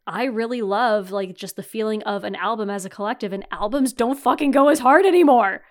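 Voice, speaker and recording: A woman's voice: on the high side, fairly quick. A woman in her thirties hosting a podcast, talking casually and enthusiastically, with plenty of "like" and some swearing. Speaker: podcast host. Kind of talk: casual chat.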